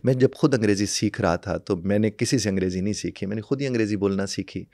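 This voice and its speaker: A man's voice: fairly low pitch, quick pace, a little mellow, dry recording, studio quality. Earnest man explaining pronunciation. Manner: earnest, explanatory, repeats example words. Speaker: English language guest expert. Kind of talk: conversational interview, explaining.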